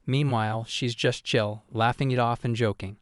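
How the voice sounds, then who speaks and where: A man narrating a manga recap in an even, steady, scripted third-person retelling. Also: medium pitch, normal speed, no room sound, clean studio sound.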